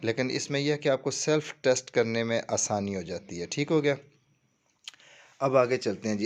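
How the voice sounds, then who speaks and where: A man with a Pakistani accent presents an informal tutorial that walks through a screen step by step. He mixes in English terms and keeps repeating reassuring phrases to check that listeners are following. His voice is medium-pitched with a darkish tone.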